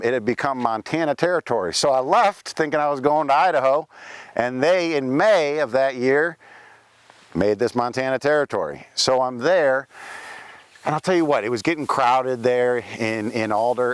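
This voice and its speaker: This is a first-person historical reenactment: a costumed male performer on a cemetery tour, outdoors, embodies the ghost of a Welsh-born pioneer gold miner and relates his life with folksy asides. The recording is dry, and his mid-range voice sounds close to an everyday one.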